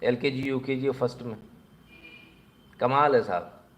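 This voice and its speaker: A man giving sarcastic news commentary in an animated voice, and he often speaks directly to the people he criticises. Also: medium pitch, a little slow. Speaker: political commentator.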